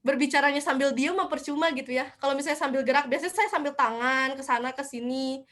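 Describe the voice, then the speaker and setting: A woman's voice: high-pitched, fast, a bit bright. A young woman giving a casual online lecture, chatty, asking herself questions and answering them. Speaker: speaker at a student seminar.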